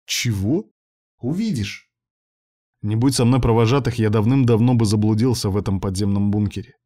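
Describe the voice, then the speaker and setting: A man reading a first-person audiobook with steady, even storytelling. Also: lowish voice, fast. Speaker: audiobook narrator.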